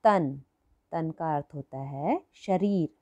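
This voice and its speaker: Woman, schoolteacher, slow patient lesson, mellow low voice, repeats words, quizzes children. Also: muffled recording. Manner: patient, repeats words and asks the class questions. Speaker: primary school Hindi teacher.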